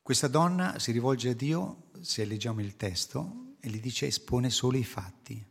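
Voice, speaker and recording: A man's voice: medium pitch, very animated, normal speed, creaky, slightly rough. A man preaching a sermon to a congregation, explaining scripture earnestly and posing rhetorical questions. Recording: long hall reverb.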